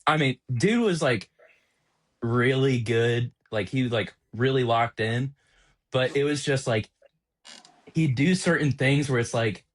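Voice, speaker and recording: A man's voice: medium pitch, measured pace. A young man hosting a podcast, telling a casual story in a rambling way with lots of filler words. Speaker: podcast host.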